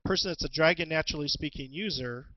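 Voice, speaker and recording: A man presenting an instructional webinar as a teacher, talking through tools in a halting way with many ums and restarts, on a headset. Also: on the high side, dry recording, lo-fi sound. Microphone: headset with headphones.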